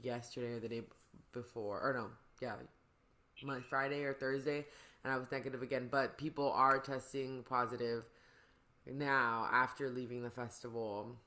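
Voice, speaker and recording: A woman's voice: extremely low pitch, fairly even intonation, normal speed, pushed and bright. Rambling, slangy woman hosting a casual podcast. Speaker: podcast host. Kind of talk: casual chat.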